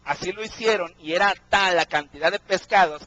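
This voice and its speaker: A man's voice: high-pitched, brisk, bright, forceful tone, no echo, muffled recording. Man, preacher, sermon, questions the crowd, dry sound. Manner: questions the congregation, checks in with "¿sí?".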